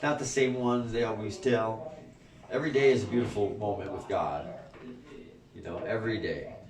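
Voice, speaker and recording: A man's voice: fairly low pitch, normal speed, crowd noise. Profane laughing man in an echoey room. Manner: profane, laughing, swings between soft and loud. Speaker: spiritual group leader. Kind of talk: rambling spiritual talk to a gathering. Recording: echoey room, far from the mic.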